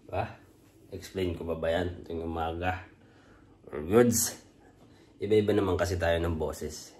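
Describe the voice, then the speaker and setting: A man's voice: deep voice, fairly even intonation, unhurried, darkish tone. A man from the Philippines chatting casually to viewers in the morning, his voice thick and congested from a cold and sinus trouble, so some mistake him for drunk. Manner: loose and rambling, repeats a catchphrase often. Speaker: overseas worker vlogger.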